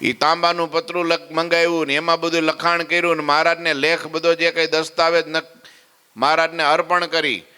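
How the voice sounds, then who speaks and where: A man's voice: fairly high pitch, flat delivery, brisk, sharp tone, clear, resonant tone, in a large hall. A man telling a devotional story as a preacher, acting out the characters and asking listeners questions. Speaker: katha preacher.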